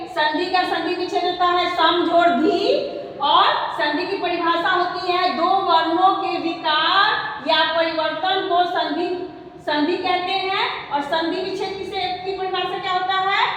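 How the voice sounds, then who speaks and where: A woman's voice: extremely high pitch, a bit bright, a little hiss or hum. A woman teacher with a Bihari Hindi accent giving an online grammar lesson, repeating points and quizzing her students. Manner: slow, repetitive, quizzing students. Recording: echoey room with long reverb.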